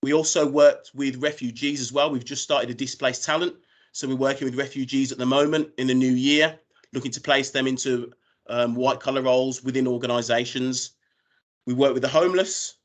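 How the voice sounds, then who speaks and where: A man's voice: medium pitch, fairly even intonation, a little fast. A British man giving an informal business presentation as a recruiter on a video call. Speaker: recruiter presenting job opportunities.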